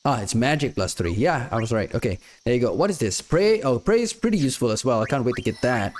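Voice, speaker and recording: Nasal, croaky man narrating gameplay. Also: mid-range voice, big pitch swings, quick pace, darkish tone. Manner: chatty, rambling. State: sick. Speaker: gaming youtuber. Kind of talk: casual gameplay commentary.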